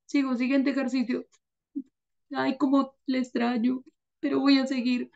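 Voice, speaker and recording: A woman's voice: sits high, flat delivery, measured pace, gravelly, darkish tone, dull audio, voice pushed up. A woman voicing a heartbroken young male student who whines and sobs but keeps working. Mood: tearful. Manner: whiny, sobbing complaints.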